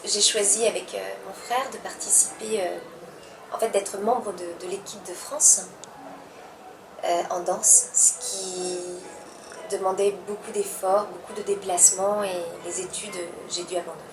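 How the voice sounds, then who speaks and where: This young woman, a professional dancer from Italy, gives hesitant interview answers packed with fillers and restarts. Her medium-pitched voice stays fairly even and unhurried. The recording sounds roomy and distant, with noise behind her.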